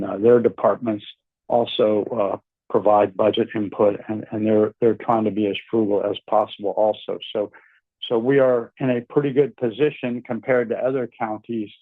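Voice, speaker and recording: A man's voice: on the low side, no echo. Older man on buzzy phone audio. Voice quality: halting, many fillers and restarts. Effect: buzzy phone call audio. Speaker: county commissioner guest. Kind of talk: call-in radio interview. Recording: tinny dry phone line.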